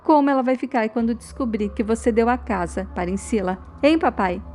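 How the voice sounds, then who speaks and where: A woman's voice: fairly high pitch, brisk, a little mellow, faint music behind, lightly acted. A woman voicing a distraught middle-aged mother in a soap recap, bitter and demanding. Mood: accusing. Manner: bitter, demanding, repeated challenges.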